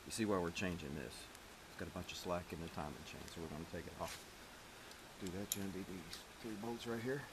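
A middle-aged home mechanic talks fast in a low voice, giving practical, casual instructions in short segments while rebuilding an engine by hand. He's recorded indoors in a large metal-walled garage by a camera mic a step or two away, with noise and clicking tool sounds throughout.

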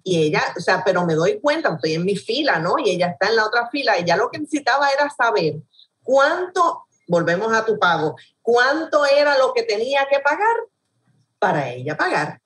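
A woman's voice: a little high, sing-song, moderate pace, a bit bright. A woman co-host with a Puerto Rican accent, telling stories animatedly, laughing and acting out other people's voices. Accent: Puerto Rican Spanish. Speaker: radio show co-host. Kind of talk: lively storytelling in conversation. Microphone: video call from home. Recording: distant video call audio.

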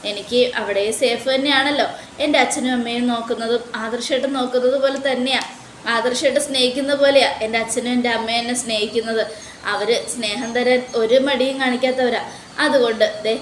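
A woman voicing a gentle, devoted young woman lying in hospital, speaking softly and earnestly. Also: fairly high pitch, roomy sound, slight background noise, natural voice. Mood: reassuring.

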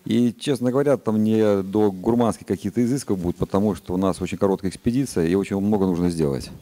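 A man, a spacecraft commander, answering press conference questions in a calm, measured, matter-of-fact way. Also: on the low side.

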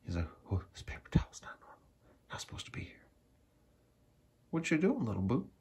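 A man filming his cat at home and talking to it in soft, doting baby talk, often dropping to a whisper, recorded on a handheld phone in a carpeted basement. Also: medium pitch, huge pitch swings, brisk. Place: carpeted house basement, indoors. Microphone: handheld phone camera.

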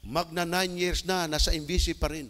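A man from the Philippines delivers an animated sermon as an evangelist, his voice high and bright, and he breaks into sudden shouts. The sound rings with the long reverb of a large hall. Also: moderate pace. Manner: animated storytelling with bursts of shouting. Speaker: evangelist preacher.

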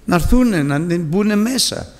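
A man preaching a sermon, pressing his listeners with pleading rhetorical questions, with a gravelly voice. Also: high-pitched, lively intonation, long reverb tail.

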